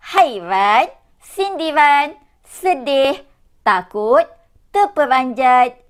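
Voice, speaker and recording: A woman teacher with a Malaysian Malay accent, giving a clear, slow grammar lesson to young pupils. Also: on the high side. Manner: slow, clear teacherly delivery with lively rising exclamations. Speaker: primary school teacher. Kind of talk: recorded online grammar lesson.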